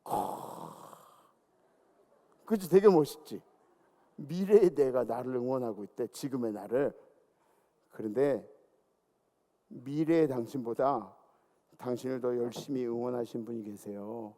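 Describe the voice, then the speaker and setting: A man's voice: medium pitch, animated, unhurried, pauses often, warm tone. A male pastor preaching a sermon, exhorting and calling out to his congregation. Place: large church sanctuary. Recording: long church hall reverb.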